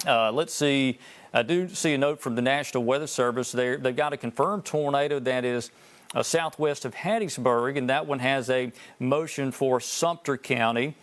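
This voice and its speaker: A man anchoring live severe weather coverage, talking conversationally and cautioning viewers in a measured, unscripted way. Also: medium pitch.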